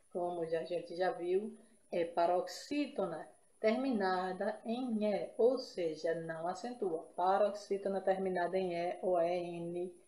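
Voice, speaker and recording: Slow-talking woman teaching in an echoey room. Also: fairly low pitch, mellow. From Brazil. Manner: explains step by step, checking in with listeners. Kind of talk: exam-prep grammar lesson.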